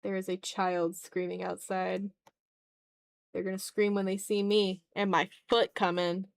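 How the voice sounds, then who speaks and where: A streamer who makes digital art chats during a drawing session in a gravelly, medium-pitched voice, a little slow and with little rise or fall. She's playful and slangy, talking as much to herself as to the people watching.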